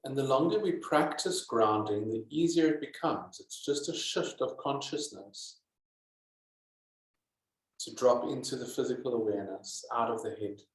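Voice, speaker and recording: A man guides yoga and meditation in a calm, deliberate manner, pausing often. His voice is medium-pitched, and the recording sounds echoey and roomy.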